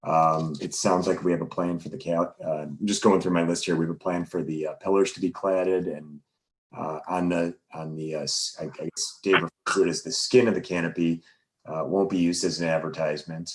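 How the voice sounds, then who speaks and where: A man with a very low voice speaks at a public planning meeting over a remote connection. He is friendly and rambling, filling gaps with uhs as he goes through his questions. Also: fairly even intonation, brisk. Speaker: planning commissioner. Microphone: remote call connection.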